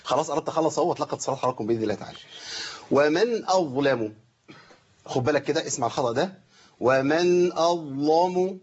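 A man's voice: medium pitch, very fast, hardly any pauses, husky, highs cut off. A man with an Egyptian accent teaching Quran recitation on a live show, stretching out demonstration phrases and quizzing his students. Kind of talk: live TV recitation lesson with call-ins.

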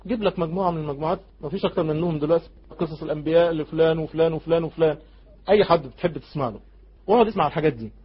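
A man with an Egyptian accent delivers an Islamic sermon in a husky, high voice. He rushes through his points, then drops to a near hush when pleading. The audio is dull and lo-fi. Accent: Egyptian Arabic. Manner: shifts from loud exhortation to hushed, intimate pleading. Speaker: preacher.

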